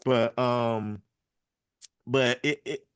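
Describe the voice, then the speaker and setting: A man in the middle of a music business panel, rambling loosely from one point to the next and calling the crowd y'all. His voice sits at an ordinary pitch, and the recording is dry and close with no room sound. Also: fairly even intonation, drawn-out words, a bit bright, smooth, no room sound. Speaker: music producer and panel speaker. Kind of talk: casual panel talk.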